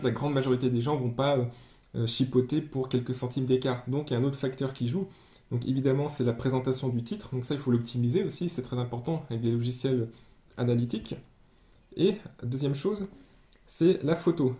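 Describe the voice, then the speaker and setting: A man giving a screen-share tutorial as an online sales trainer, explaining step by step and pausing often on fillers. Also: medium pitch, mellow. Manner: explanatory, hesitant with many fillers. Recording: roomy echo.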